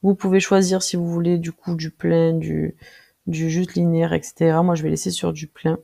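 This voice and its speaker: A presenter walking viewers through a design tool in a casual screen-recorded tutorial, speaking directly to them and pausing often with filler sounds while clicking. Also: mid-range voice, little pitch movement, vocal fry, warm tone. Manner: friendly, addresses viewers directly.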